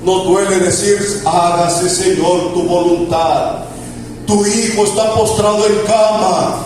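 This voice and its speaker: High-voiced preacher in an echoey hall. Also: male voice, fairly even intonation, slow pace. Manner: emphatic, repeats key phrases, stretches words for emphasis. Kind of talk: sermon. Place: church hall. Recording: echoey church hall, distant mic, background noise.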